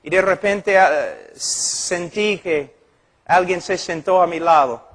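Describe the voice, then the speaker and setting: A man's voice: high voice, takes it slowly. A middle-aged man preaching an impassioned sermon as a pastor, earnest and emphatic as he tells a story.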